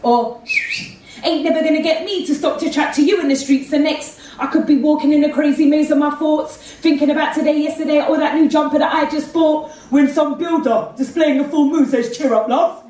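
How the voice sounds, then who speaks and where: High-voiced woman performing spoken word. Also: fairly even intonation, brisk, mellow, far from the mic. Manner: rhythmic, street-inflected delivery. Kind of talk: stage poetry performance. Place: theatre stage with red curtains. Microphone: handheld mic, far camera. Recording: very echoey hall, heard from afar.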